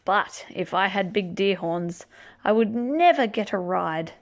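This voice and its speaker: A woman's voice: medium pitch, lively intonation, measured pace. A woman reading a children's picture book aloud in a playful manner, drawing out words for emphasis. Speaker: storybook reader. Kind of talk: animated children's read-aloud with asides.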